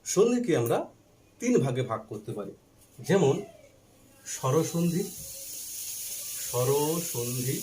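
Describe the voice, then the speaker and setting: A man with a Bangladeshi Bengali accent teaches grammar at the board, pausing to write and spelling letters out slowly. He poses questions and answers them himself in a fairly high voice that swings widely up and down. A faint hiss of background noise sits under the recording. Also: sing-song, mellow. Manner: asks and answers his own questions; slow and deliberate while writing, spelling out letters. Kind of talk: blackboard grammar lesson.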